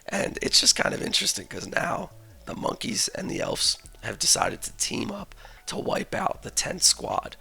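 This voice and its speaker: Hoarse raspy young man narrating gameplay. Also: on the high side, sharp tone. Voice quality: raspy, gravelly. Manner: casual, chatty, jokey asides. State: hoarse, losing his voice. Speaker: gaming channel host. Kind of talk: game commentary voice-over.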